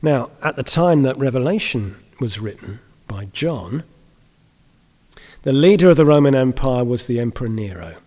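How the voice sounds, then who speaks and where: A man preaching a sermon in a kindly vicar's manner, explaining in measured phrases with deliberate pauses and rhetorical questions. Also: mid-range voice, animated, dark tone. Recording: reverberant church hall.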